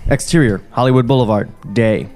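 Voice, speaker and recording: The speaker is a podcast host doing a comedic table read, reading the stage directions of a screenplay in a steady way before breaking into jokes and laughter. His mid-range voice is fairly quick and has a darkish tone.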